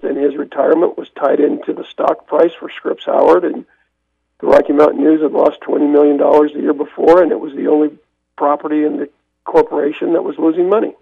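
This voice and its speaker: A man's voice: on the high side, creaky, slightly rough. Older man rambling over a tinny phone line. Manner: rambling with many restarts. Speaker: veteran newspaper man as radio guest. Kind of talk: casual radio call-in chat. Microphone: telephone.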